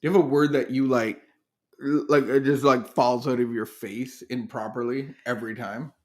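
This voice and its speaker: A man's voice: medium pitch, steady tone. A middle-aged man co-hosting a podcast, chatting casually and playfully, often breaking off and restarting his sentences. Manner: playful, joking, halting with restarts. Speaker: podcast co-host. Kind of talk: casual chat.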